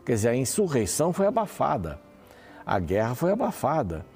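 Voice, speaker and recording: A man teaching a Bible study, reading verses aloud and commenting on them with lively emphasis. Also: medium pitch, fairly quick, soft background music.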